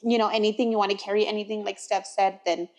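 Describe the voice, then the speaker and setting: A woman's voice: mid-range voice, level tone, quick pace, darkish tone. A young mother co-hosting a podcast, telling stories animatedly with laughs and acted-out exchanges. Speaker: podcast co-host. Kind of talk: casual chat.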